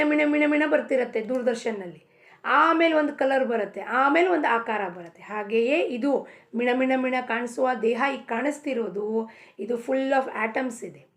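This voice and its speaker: A woman giving a devotional talk on a hymn, asking questions and answering them herself, with English phrases mixed in. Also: on the high side. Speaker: spiritual speaker. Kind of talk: devotional discourse explaining a hymn.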